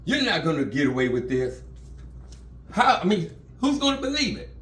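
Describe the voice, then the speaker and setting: Man playing a crying middle-aged pastor, pleading, voice cracking high, lively pitch, echoey room. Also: moderate pace, distant mic.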